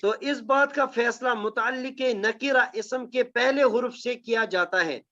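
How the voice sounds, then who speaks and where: A very high, sharp-toned male voice belongs to a Quranic Arabic grammar teacher. In this recitation-based class he explains each step and checks in with students over and over, captured on dull lo-fi audio.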